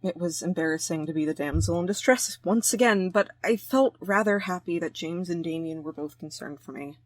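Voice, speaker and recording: A young woman hosting a game let's play, reading the story aloud and breaking off to joke in slang. Her voice sits a little low. The sound is dry and close. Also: fairly quick, no room sound. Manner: slangy, joking.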